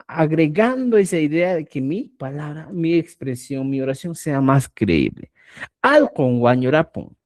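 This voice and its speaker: Slow, lively-voiced language teacher. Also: male voice, fairly high pitch. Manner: explains slowly, checks in with "¿ya?" after nearly every phrase; addresses students as "estimados amigos". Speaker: Quechua writing teacher. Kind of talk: online grammar lesson.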